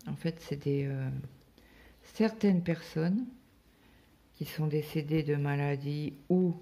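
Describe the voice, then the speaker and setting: Gravelly-voiced chatty French woman. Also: deep voice, slow, mellow. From France. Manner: rambling, chatty storytelling with many fillers. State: recovering from a stomach bug. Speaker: cross-stitch vlogger. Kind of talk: casual chat.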